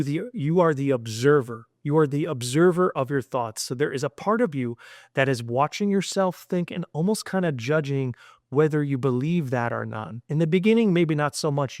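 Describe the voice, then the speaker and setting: A man speaking to his son in a heartfelt mindset lesson. He is earnest and long-winded, stringing thoughts together with "and," and gently encourages the boy. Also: a little high, dry recording, clean studio sound. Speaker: father addressing his son.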